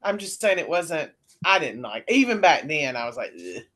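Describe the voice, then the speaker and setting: A woman on a podcast panel, chatting casually in an animated, mocking way with quick asides. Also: deep voice. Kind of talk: casual chat.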